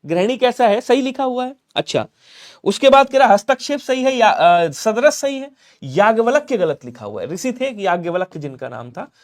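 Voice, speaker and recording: A young adult man teaching Hindi spelling for an exam-prep class, lively, quizzing students and answering for them. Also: sits high, moderate pace.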